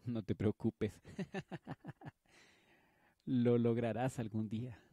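A man reading the lines of a gruff widowed farmer who is harsh to strangers but gentle with his children. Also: mid-range voice, takes it slowly, dry recording, studio quality.

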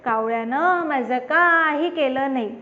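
A woman voicing a stubborn, unbothered male tree in a children's story, flat and dismissive. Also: high voice, measured pace, dull audio, slight background noise.

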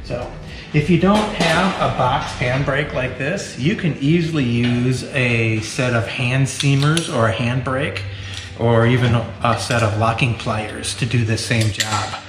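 A man's voice: mid-range voice, unhurried, background noise. Man explaining in an echoey workshop. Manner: practical, plain-spoken, explains each step. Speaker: welding instructor. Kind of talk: step-by-step how-to instruction. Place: large metal-walled workshop garage. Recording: echoey workshop with faint music.

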